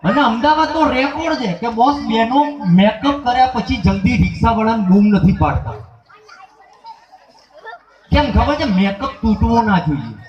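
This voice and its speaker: A man's voice: very high-pitched, lively intonation, normal speed. A man with a Gujarati accent telling jokes on a live stage and acting out characters in put-on voices. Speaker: stage comedian and event announcer. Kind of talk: live stand-up joke telling. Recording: roomy live stage sound with crowd, dull.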